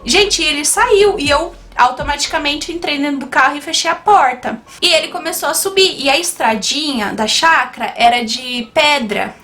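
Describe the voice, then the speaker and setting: A young woman telling a personal story to her viewers in an animated storytime vlog. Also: sits high, moderate pace, hardly any pauses. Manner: animated, keeps addressing viewers as "gente". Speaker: YouTuber.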